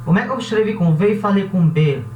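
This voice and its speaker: A man teaching a language class who talks patiently and repeats each word slowly, often checking in with his students. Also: high-pitched, expressive, a little mellow, far from the mic. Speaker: Spanish teacher. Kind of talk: classroom lesson. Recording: roomy, dull sound from off mic with faint hiss.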